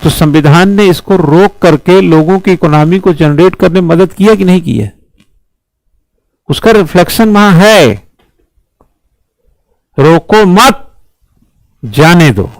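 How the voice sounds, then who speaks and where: A man with a high voice teaching an exam-prep lecture, driving points home with questions and repeated refrains. The sound is close and dry, with no room echo. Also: moderate pace, darkish tone. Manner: emphatic, rhetorical questions and repeated slogans. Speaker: civil services exam teacher. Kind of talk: classroom lecture.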